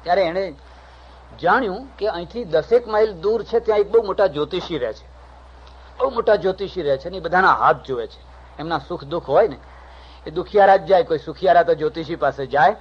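Man, swami, humorous storytelling discourse, husky, slightly high voice, dull cassette tape. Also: a little fast. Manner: lively storytelling, acts out characters' voices. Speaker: swami giving a spiritual discourse.

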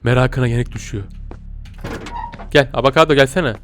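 A man giving casual gameplay commentary and talking straight to his viewers, swinging between muttering and yelling. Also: medium pitch, a little fast, faint music behind. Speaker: gaming video host.

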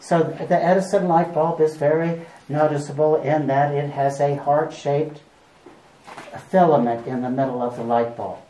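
Her voice is low and warm, with fairly even intonation and a moderate pace, as this cave guide chats jokingly with a group in folksy fashion. A visitor's camera captures her from some distance, producing noisy audio.

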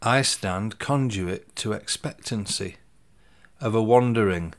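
With soft music in the background, a man in his 50s gives a slow, measured reading of poems he wrote. His voice is lowish, he breaks lines into short phrases separated by pauses, and his voice sinks as each line ends.

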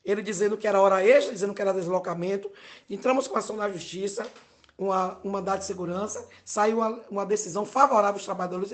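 A middle-aged woman with a Bahian Brazilian accent, a teachers' union director giving an emphatic, indignant statement to the press, repeating her key points. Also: a little high. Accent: Bahian Brazilian Portuguese.

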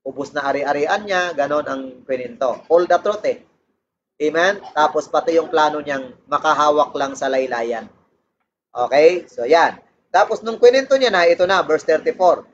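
A man's voice: fairly high pitch, moderate pace, lo-fi sound, a little hiss or hum. A man preaching a sermon in a mix of Tagalog and English, often asking "Amen?" and "di ba?" as he speaks. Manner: animated Taglish preaching, frequent "Amen?" and "di ba?". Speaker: pastor. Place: church service.

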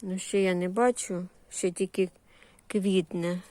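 With a low-leaning, mellow voice and fairly even intonation, a woman talks a little slowly as she strolls through her vegetable garden and greenhouse. Her tour is casual and unplanned, made of short, homely phrases full of diminutives. She has a Ukrainian accent sprinkled with Russian-influenced surzhyk words.

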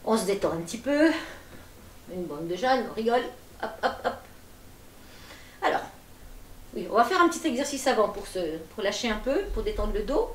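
A middle-aged woman leading a gentle seated exercise class from her attic room at home, with calm, encouraging and folksy cues. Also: fairly high pitch, moderate pace, pauses often, a little hiss or hum. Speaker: gentle gym instructor. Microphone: far camera. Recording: echoey room from far off.

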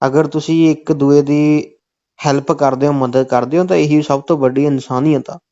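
In a dull, lo-fi recording, a man with a Punjabi accent makes a comic phone call, pushing insistently and falling back on stock phrases again and again. His fairly high voice has a warm tone, fairly even intonation and a moderate pace.

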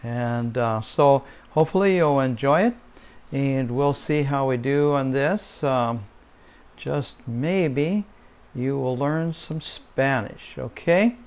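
A man giving a casual home-made Spanish lesson, slow and patient, with many fillers, repeating words for listeners to say along. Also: medium pitch, a little mellow. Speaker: Spanish teacher.

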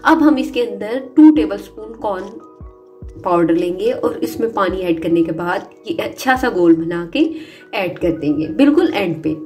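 Woman narrating a recipe over soft music. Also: medium pitch, moderate pace. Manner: steady instructional narration. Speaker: cooking channel host.

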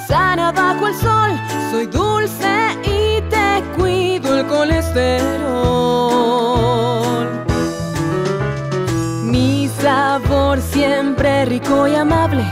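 Sweet singing apple, sung by a woman. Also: high-pitched. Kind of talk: children's song. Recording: loud backing music.

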